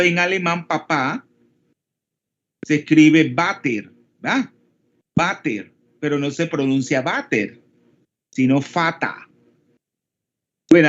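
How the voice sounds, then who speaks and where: A man with a Panamanian Spanish accent lectures an online class in a fairly high voice. He explains step by step and keeps checking that his students follow. The sound is dull and lo-fi, like call audio. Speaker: teacher.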